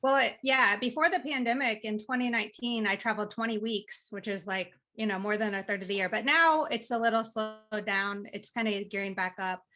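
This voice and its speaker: A woman in her thirties from the American Midwest, answering interview questions in a relaxed, matter-of-fact way. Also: mid-range voice, brisk, hardly any pauses. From Midwest United States. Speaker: freelance writer, interview guest. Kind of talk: casual interview.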